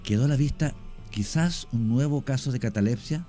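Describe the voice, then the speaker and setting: As a radio guest, a man with a Chilean accent narrates cemetery history at length, often stopping to hesitate. He speaks at normal speed in a mellow, medium-pitched voice, and soft background music fills the studio.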